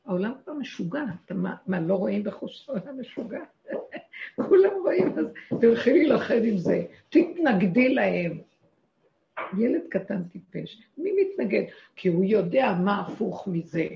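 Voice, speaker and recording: A woman giving a religious talk to a group, passionate and animated, asking rhetorical questions and shouting out quoted lines. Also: medium pitch, creaky, slight background noise. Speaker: spiritual teacher. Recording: echoey lo-fi room recording.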